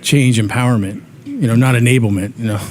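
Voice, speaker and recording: A guest on a talk show, this man speaks at a medium pitch and a brisk clip. He talks earnestly about community aid and keeps repeating words as he thinks out loud. There's faint noise in the background.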